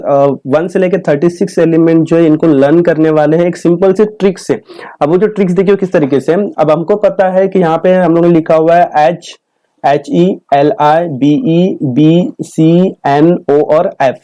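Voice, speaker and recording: Mellow-voiced man teaching science step by step. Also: fairly high pitch, rough recording. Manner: repeats syllables slowly, asks and answers his own questions. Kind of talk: whiteboard lesson explaining step by step.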